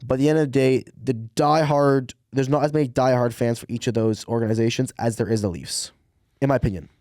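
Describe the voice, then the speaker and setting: A man's voice: medium pitch, fairly even intonation, fast, a little mellow, no echo. Rambling casual man, dry close sound. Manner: rambling, repeats words when jumping in. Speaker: podcast co-host. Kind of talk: casual sports chat.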